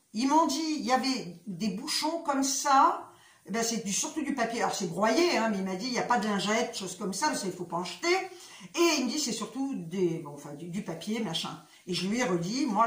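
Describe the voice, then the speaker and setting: A talkative woman with a slightly high voice chats casually to her viewers and swears freely. She retells conversations in a loose storytelling way. The room around her sounds echoey. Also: a bit bright. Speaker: vlogger.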